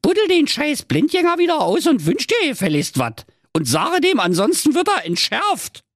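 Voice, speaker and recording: A man's voice: very high-pitched, huge pitch swings, normal speed, a bit bright, no room sound, studio quality, voice pushed up, full character voice. A man voicing a greedy, lazy wife who nags and insults her husband. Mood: bossy. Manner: bossy, insulting, crude. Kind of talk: comic fairy tale reading.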